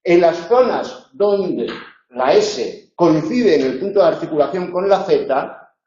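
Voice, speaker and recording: With a slow pace, lively intonation and a warm voice on the high side, a university tutor explains phonetics and demonstrates sounds. He has a northern Spain Spanish accent, often checks in with his listeners, and the lecture recording is roomy, dull and lo-fi.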